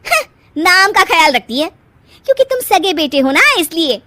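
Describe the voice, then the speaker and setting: A woman voicing a spoiled young wife in a cartoon story, shrill and demanding. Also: lively intonation, moderate pace, no echo.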